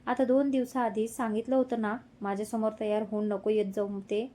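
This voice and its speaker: A woman voicing a passionate, teasing young husband in a romantic audio story, in a mellow, fairly high voice. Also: level tone, fairly quick, lightly acted. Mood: restless longing. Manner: affectionate, playful teasing.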